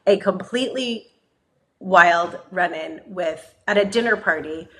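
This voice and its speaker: A woman in her thirties, a podcast co-host, telling a story in casual chat, animated, laughing often and acting out the voices of the people she quotes. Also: fairly low pitch, unhurried.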